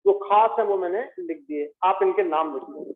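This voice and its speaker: A man teaching chemistry, repeating each element name slowly so students memorize it. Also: sits high. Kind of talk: classroom lecture. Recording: tinny phone-like audio.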